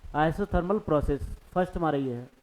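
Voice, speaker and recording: High-voiced Hindi physics teacher lecturing. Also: male voice, a little fast, a little mellow, poor audio. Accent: Hindi-speaking eastern India. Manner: conversational, keeps checking understanding with the class. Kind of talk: classroom lecture.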